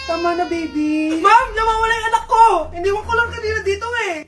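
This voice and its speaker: High-pitched woman playing every skit part. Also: distant mic, very noisy. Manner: switches characters fast, playful. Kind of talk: comic skit role-play, many voices. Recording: voice over background music.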